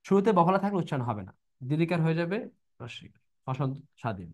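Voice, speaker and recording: Male tutor, pitched a bit high, drills rules over and over in a prep class. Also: expressive, very fast. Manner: repeats rules, checks if students are clear. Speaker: teacher. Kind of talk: online admission-prep lesson.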